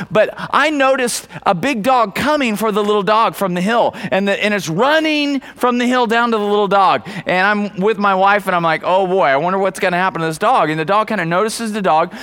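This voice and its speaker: A man's voice: sits high, a bit bright. A middle-aged male pastor preaching a sermon in a conversational way, asking the congregation questions and often repeating words as he restarts.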